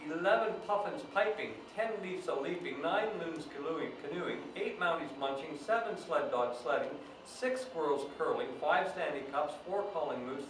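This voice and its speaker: A man's voice: fairly high pitch, a bit bright. A man playing Santa Claus as a jolly, folksy storytime host, reading storybooks aloud to children with chatty asides. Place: echoey indoor room, away from the mic. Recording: very echoey room, distant mic, faint noise.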